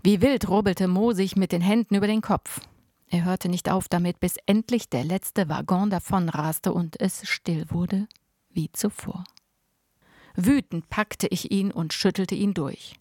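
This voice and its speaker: A woman narrating a novel in the first person with a lively, expressive reading. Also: on the low side, unhurried, no echo, studio quality. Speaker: audiobook narrator.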